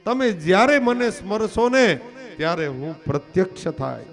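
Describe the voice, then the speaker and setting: A man's voice: high-pitched, sing-song, moderate pace, faint music behind. A man voicing the young divine Krishna, speaking with affection to his mother and urging haste, in a devotional storytelling sermon. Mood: reassuring. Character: Krishna, divine young son, tender and hurried.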